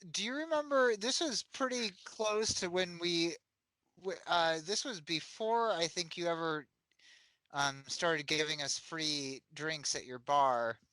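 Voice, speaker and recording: A man's voice: fairly high pitch, unhurried, sharp tone, no room sound, rough recording. A man playing in a tabletop game, asking friendly, easygoing questions. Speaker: player. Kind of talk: tabletop role-play.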